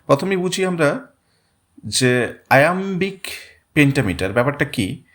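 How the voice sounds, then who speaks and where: A man teaches a Bengali-language literature lesson in a fairly high, bright, very animated voice. He explains step by step, repeats words to show where stress falls, and reads English quotations very slowly.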